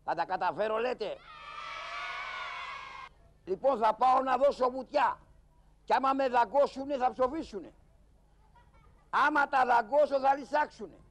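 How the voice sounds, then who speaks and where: A man voicing a cheeky, boastful and cowardly male shadow-puppet trickster who talks to the children in a live puppet show. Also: long pauses. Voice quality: high, gravelly voice.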